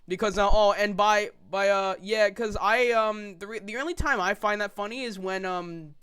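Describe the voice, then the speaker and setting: A man's voice: high-pitched, normal speed, fairly bright tone, clear, resonant tone. A young man hosting a casual podcast, rambling and restarting his sentences while he plays a game. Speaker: podcast host. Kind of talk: casual chat. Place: home, gaming while talking.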